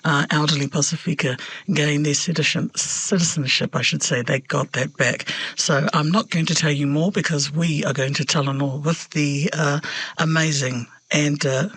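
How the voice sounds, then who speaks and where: New woman hosting, fairly low voice. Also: fairly even intonation, moderate pace, a bit bright, slightly rough. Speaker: interview host. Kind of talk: conversational interview introduction.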